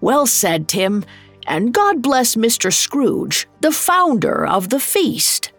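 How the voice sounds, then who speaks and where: A kind, poor clerk and father speaks with gentle cheer, his voice lifted a little higher, as a woman narrator plays him. A touch of grit stays under his warm storybook tone. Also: huge pitch swings, takes it slowly, no room sound, faint music behind, exaggerated voice. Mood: tender.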